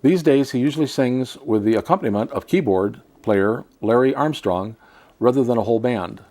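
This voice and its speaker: A male talk show host reads a profile aloud at a middle pitch. He often breaks off into chatty asides and laughs between lines. His voice is plain and even. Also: moderate pace.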